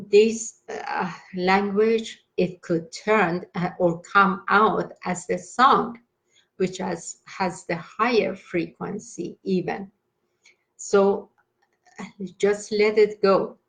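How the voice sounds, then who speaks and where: A woman leading a meditation class, giving slow, halting instructions with many pauses and fillers and repeating gentle reassurances. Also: mid-range voice, poor audio. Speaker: meditation teacher.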